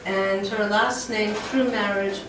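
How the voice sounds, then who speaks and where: A woman's voice: medium pitch, fairly even intonation, takes it slowly. A woman introducing her mother to an audience, emotional and joking by turns. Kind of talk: introduction speech. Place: large room. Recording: echoey hall from far off, with noise.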